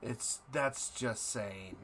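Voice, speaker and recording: A man voicing an ancient, menacing eldritch horror god of rot in a tabletop game, with slow, hushed, gurgling speech. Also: mid-range voice, slight background noise. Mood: scornful, tempting. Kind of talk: tabletop game role-play.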